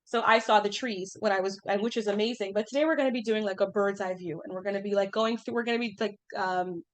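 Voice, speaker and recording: A woman's voice: mid-range voice, steady tone, fast talker. A woman in her thirties teaching an informal class, chatty and full of fillers, asking the group questions as she goes.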